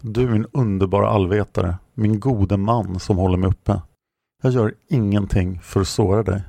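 A grieving young woman confesses she is dying, her words soft and tearful, put on by a man narrating. The voice stays low and gravelly, heard close and dry. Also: fairly even intonation, no room sound.

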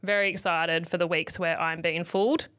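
Animated woman, podcast co-host. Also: fairly low pitch, moderate pace. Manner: animated, swears freely, rambling storyteller. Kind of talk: casual chat.

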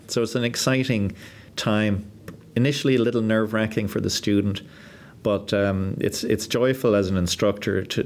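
Flight training head, low voice, earnest, lots of ums. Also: male voice. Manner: earnest, measured, with many fillers. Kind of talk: interview answers.

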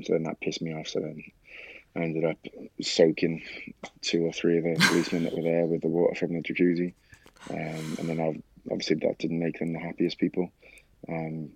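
A man telling his own story in a casual interview, halting with many fillers and restarts. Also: extremely low pitch, creaky, breathy edge, no echo, rough recording. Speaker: guest sharing his story.

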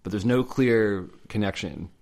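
A man talking casually as podcast co-host, halting with many fillers and restarts. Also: fairly low pitch, animated, a little mellow. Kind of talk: casual chat about legends.

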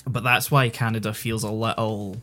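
A man's voice: on the low side, flat delivery, moderate pace, pushed and bright, soft background music. A man with a Scottish accent co-hosting a podcast, explaining in a rambling, self-correcting casual chat. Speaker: podcast co-host.

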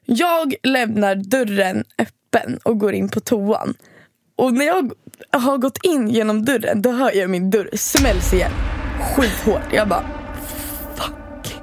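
A woman co-hosting a podcast tells stories in a casual chat, animatedly acting out what people said. Her voice is fairly high, with soft background music playing.

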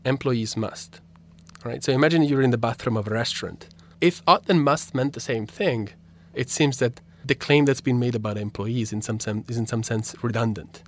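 On a radio interview, a young man with a mid-range voice and moderate pace talks through his philosophy research. He's a graduate student, a native Italian speaker with an Italian accent, and his thoughtful delivery is full of restarts and fillers.

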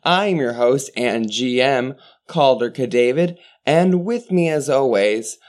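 A man's voice: medium pitch, lively intonation, slow pace. A man hosting a casual tabletop role-playing podcast as game master, chatting and narrating scenes for his players.

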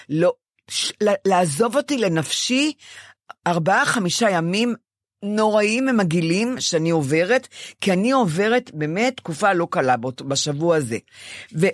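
An older woman chats with a co-host, her pitch leaping and dipping as she tells a long personal story. She acts out what she once said to others. The sound is close and dry, with no room around her. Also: no echo. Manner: animated storytelling, acting out her own past lines. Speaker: podcast co-host. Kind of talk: casual chat.

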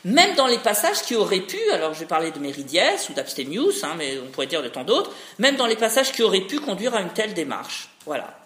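In a roomy, echoing space, a man delivers an academic lecture in a high, sing-song voice with a fairly bright tone. He talks briskly with hardly any pauses, rambling discursively, restarting often and tagging sentences with "hein."

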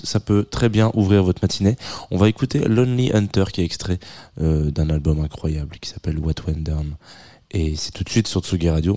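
Male radio host, low mellow voice, loose and jokey, self-correcting, soft music underneath. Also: no room sound. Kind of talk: casual morning radio chat.

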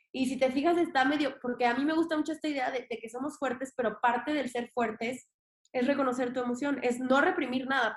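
A young woman with a Mexican accent, a podcast guest talking casually and emphatically, with slang and the odd swear word. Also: high voice. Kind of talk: casual interview talk. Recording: roomy echo.

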